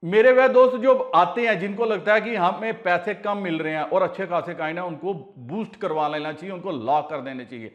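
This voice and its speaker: A man hosts a casual advice vlog in an earnest, pleading tone, repeating each warning several times as he talks straight to his viewers. His voice sits somewhat high for a man. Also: brisk, hardly any pauses, highs cut off. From India. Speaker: crypto channel host.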